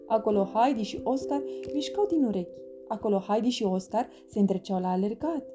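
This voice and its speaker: A woman reading a children's storybook aloud in a lively, expressive way. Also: mid-range voice. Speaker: narrator. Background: background music.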